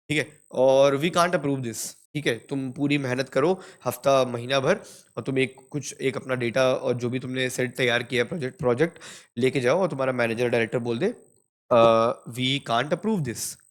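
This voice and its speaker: A male spoken-English teacher with an Indian accent, talking at an ordinary middle pitch. He keeps it casual and chatty, calls viewers "brother" and checks in with "ठीक है" after almost every line. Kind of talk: casual Hinglish lesson.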